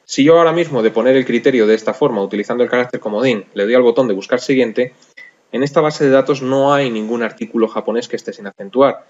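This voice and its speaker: A man's voice: medium pitch, fast talker, a little mellow, lo-fi sound. A man with a Spanish accent from Spain, patiently explaining a spreadsheet program step by step in a screencast tutorial, with frequent fillers. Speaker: software instructor.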